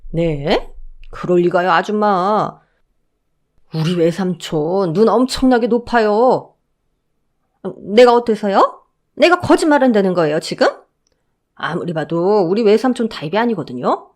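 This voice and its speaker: A woman's voice: medium pitch, a little slow, pauses often, a little mellow, close to an everyday voice. A woman voicing a blunt male security guard who mocks and dismisses an intruder. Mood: dismissive. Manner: dismissive, gruff, sarcastic.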